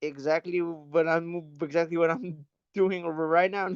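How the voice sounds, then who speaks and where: A man's voice: a little high, steady tone, normal speed, smooth, no room sound. A young man calls into a friends' podcast, joking in a slangy drawl. The call audio sounds dull and lo-fi, yet close and dry. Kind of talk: casual chat among friends.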